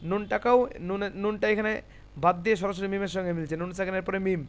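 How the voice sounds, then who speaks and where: A man with a high, clear, ringing voice gives a Quran reading lesson in a Bengali accent. He spells out letters and vowel marks one by one at a patient pace, then pulls them together into the full word. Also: fairly even intonation, fast. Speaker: Quran recitation teacher. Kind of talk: tajweed lesson.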